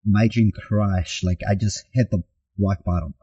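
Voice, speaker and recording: Husky-voiced man from Mexico telling his story. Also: on the low side, a little slow, muffled recording. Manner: animated retelling that acts out quoted dialogue. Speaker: podcast guest, soccer coach. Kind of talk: personal storytelling in conversation.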